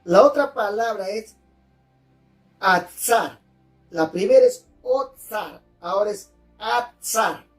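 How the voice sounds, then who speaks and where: Male pastor, earnest sermon teacher, slow and emphatic, roomy distant sound. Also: high-pitched. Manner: fervent, deliberate, repeats and spells out key words. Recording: roomy, distant mic, faint music.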